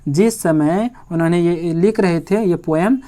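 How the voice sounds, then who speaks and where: Guy teaching exam prep in hindi, says everything twice, asks then answers himself, reads english lines slow. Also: high voice, dark tone. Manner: repeats each point, asks questions then answers them himself; reads English quiz lines slowly, word by word.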